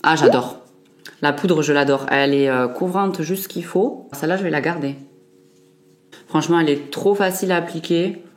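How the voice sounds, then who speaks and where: A woman's voice: low-pitched, normal speed. A young woman vlogger chatting casually through a makeup review, with frequent fillers and self-corrections. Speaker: beauty vlogger.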